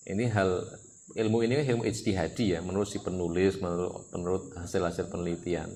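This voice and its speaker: A man, giving an evening Islamic study talk in a lively, storytelling way. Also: deep voice, fast talker, a little hiss or hum. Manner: animated, acts out scenes with sudden loud outbursts. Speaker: Islamic preacher.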